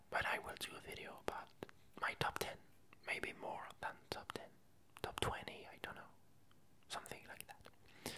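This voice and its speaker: The ASMR creator's whisper is slow and bright as they drift through an easygoing chat. Hesitations and halting restarts mark the delivery, with the speaker correcting themselves along the way.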